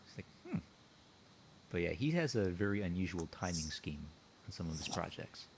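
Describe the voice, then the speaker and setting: A man's voice: deep voice, lively intonation, fairly quick, creaky, slight background noise. A man hosting a casual group chat, teasing his friends playfully. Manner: teasing, playful, counts down jokingly. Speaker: podcast host.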